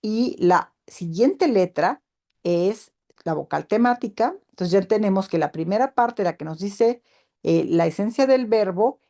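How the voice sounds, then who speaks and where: Woman, teacher, warm low-ish voice, patient and methodical. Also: vocal fry. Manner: patient, explains step by step with fillers and questions to the viewer. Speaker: Spanish grammar teacher. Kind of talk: explanatory video lesson.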